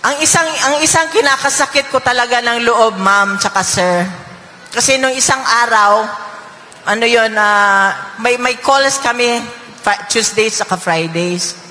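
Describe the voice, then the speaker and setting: Tearful, halting woman in a roomy hall. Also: fairly high pitch, sharp tone, a little hiss or hum. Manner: halting, repeats words, tearful. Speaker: speaker addressing an audience. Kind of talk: emotional personal testimony.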